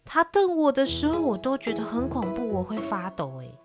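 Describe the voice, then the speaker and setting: A woman's voice: a little high, big pitch swings, moderate pace, over music, pitched above the performer's own voice. A woman voicing a timid little girl who stammers and gets scared easily. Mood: fearful. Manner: hesitant, stammering.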